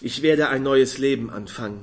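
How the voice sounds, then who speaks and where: A man voicing a quiet, wistful young woman in an audiobook. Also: mid-range voice, normal speed, natural voice. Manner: quiet, sighing.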